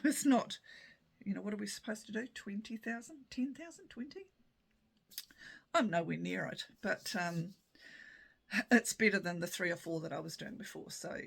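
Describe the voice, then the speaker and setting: Kiwi woman in her 50s rambling on her podcast, gravelly husky voice, laughs at herself a lot. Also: fairly low pitch, a bit bright. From New Zealand. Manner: chatty, self-mocking, breaks into laughter. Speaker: podcast host. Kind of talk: casual chat.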